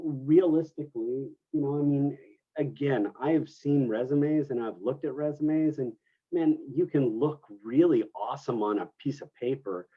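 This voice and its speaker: A male instructor addresses a class in a classroom, stumbling and restarting often as he thinks aloud. His voice sits at an ordinary pitch, and the recording sounds a little muffled. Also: slightly rough. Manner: rambling, with many restarts and fillers. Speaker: culinary instructor. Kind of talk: classroom lecture.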